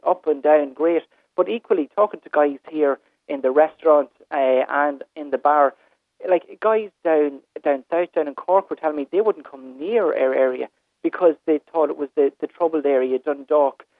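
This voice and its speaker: A man with an Irish accent speaking informally and a little haltingly as a caller in a casual conversation. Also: a little high, no room sound. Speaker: phone-in caller, hospitality business owner or manager. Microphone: telephone. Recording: tinny phone line.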